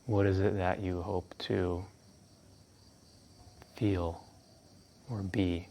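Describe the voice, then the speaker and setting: A man with a low, gravelly voice guides a breathing meditation. He speaks slowly and in a hushed, calm manner, leaving long pauses between phrases. Faint insect ambience sits behind him. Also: a little hiss or hum. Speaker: breathwork instructor.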